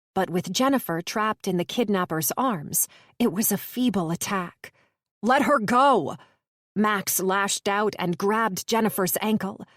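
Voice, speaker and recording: A woman narrates an audiobook from a script in a measured, even storytelling style. Her pitch is medium, and the recording is dry, clean studio sound.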